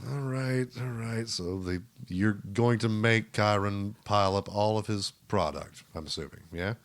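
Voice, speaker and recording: A man's voice: lowish voice, measured pace. A man running a tabletop game as game master, playful and teasing his players.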